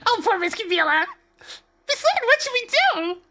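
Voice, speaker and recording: A woman voicing a small, excitable male dog from a video game, calling out with high, yelping urgency. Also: normal speed, full character voice. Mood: alarmed.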